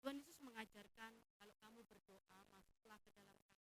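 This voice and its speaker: A woman pastor preaching a sermon, acting out her congregation's complaints in a lively, raised voice. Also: mid-range voice, a little fast, creaky, slight background noise, rough recording. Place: church.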